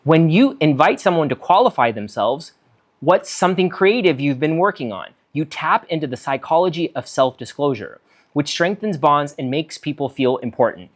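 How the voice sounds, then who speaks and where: Lively-pitched man giving a talk. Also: normal speed. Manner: animated, acts out quoted lines, reads from notes. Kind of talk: solo talk on conversation skills.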